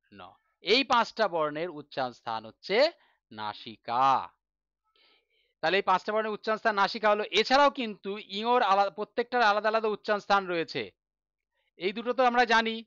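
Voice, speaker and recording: A man's voice: high voice, a bit bright, smooth, dry recording, muffled recording. A man teaching a Sanskrit lesson in a Bengali accent, patiently asking questions and answering them himself. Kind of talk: online lesson explaining on a board.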